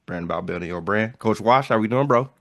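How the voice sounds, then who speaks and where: A man's voice: lowish voice, quick pace, dry recording, clean studio sound. A man hosting a podcast in casual chat, opening with upbeat intros and repeated phrases. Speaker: podcast host.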